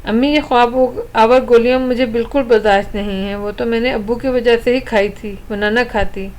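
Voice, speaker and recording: A woman voicing a tired, sad young bride in a storybook reading, talking quietly and softly. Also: on the high side, fairly even intonation, natural voice, rough recording. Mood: subdued. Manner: quiet, soft, subdued.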